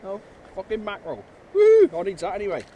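A man's voice: sits high, fairly quick. A man casually bantering and swearing while fishing from a small open boat, recorded on a boat-mounted action camera. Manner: swearing, joking, excitable. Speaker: angler filming a fishing trip. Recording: loud wind noise on a camera mic. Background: wind and water.

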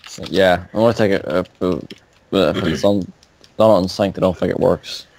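In a casual voice chat with friends while gaming, a man rambles on, heaping up fillers and casual swearing. His voice is low and a little mellow, with fairly even intonation at a normal speed.

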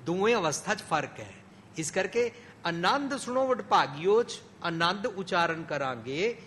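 Bright, lively male Sikh preacher. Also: sits high, a little hiss or hum. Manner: mixes English phrases into Punjabi, rising emphatic peaks and soft drops. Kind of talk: sermon. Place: gurdwara hall.

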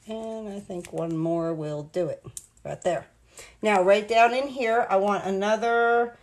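Her voice is medium-pitched with a somewhat dark tone. This American woman in her sixties gives a live card-making demonstration at her indoor home craft table, rambling chattily as she walks through every step.

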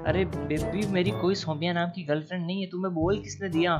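A man's voice: high-pitched, steady tone, a little fast, music in the background. A man hosting a gaming channel, talking casually and pleading defensively with two women over voice chat. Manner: pleading, defensive, keeps saying yaar.

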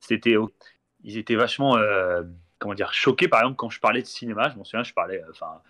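A man's voice: on the low side, fast, pushed and bright. A man telling travel stories in casual chat on a live talk show, joining over a video call and rambling with many restarts. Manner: rambling, restarts often, acts out quoted exchanges. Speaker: guest traveler. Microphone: remote video call.

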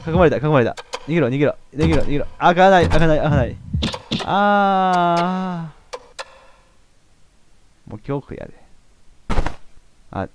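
A man's voice: on the high side, unhurried, pauses often, background noise. Jokey man commentating a game. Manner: lively, jokey, reads game text aloud. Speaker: game streamer. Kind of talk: Let's Play commentary. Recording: game music behind. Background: game music.

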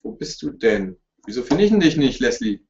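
A man's voice: medium pitch, very animated, normal speed, a little mellow. A man chatting casually on a livestream, answering viewers' questions in a jokey, apologetic way. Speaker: YouTuber hosting a livestream. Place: room at home, sitting in front of a couch. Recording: roomy, distant, dull webcam stream audio.

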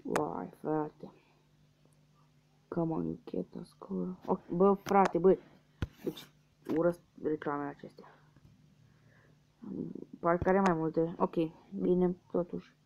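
A man's voice: sits high, animated, gravelly, pauses often. A young man from Romania giving casual let's-play commentary, muttering guesses and swearing at losses. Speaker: gaming youtuber. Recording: dull lo-fi mic with faint hiss.

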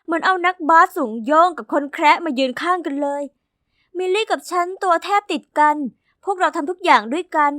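High-voiced young woman storyteller. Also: no room sound, clean studio sound. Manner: expressive, conversational storytelling. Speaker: narrator. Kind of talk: first-person animated story narration.

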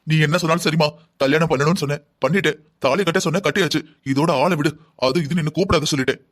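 A man's voice: a little high, rapid-fire, a bit bright. A man playing a resentful young groom in a cartoon drama, despairing and sulky toward his mother. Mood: bitter.

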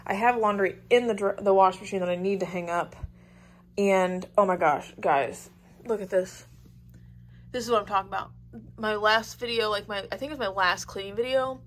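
A woman's voice: medium pitch, normal speed. Chatty woman vlogging with her phone. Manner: chatty, rambling, many ums and likes, laughs easily. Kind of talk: casual clean-with-me vlog chat. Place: small apartment indoors. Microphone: phone camera held at arm's length.

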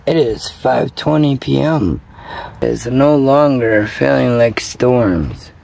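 A woman's voice: extremely low pitch, slow, gravelly, a little mellow. A middle-aged woman chatting casually in a camping vlog, laughing between remarks, filmed outdoors in a backyard by a tent. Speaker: camping vlogger. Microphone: camera on a stand at a distance, later phone at arm's length.

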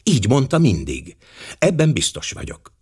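A man's voice: mid-range voice, huge pitch swings, a little mellow, slightly rough, pitched above the performer's own voice, heavily acted. A man doing a gushing young housemaid. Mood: eager gushing. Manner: breathless, eager.

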